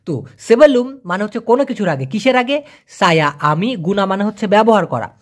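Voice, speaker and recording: Brief: language tutor from Bangladesh, animated up-and-down delivery, drills pronunciation slowly and patiently. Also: mid-range voice. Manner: encouraging asides to learners. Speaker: language teacher. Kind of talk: online language lesson.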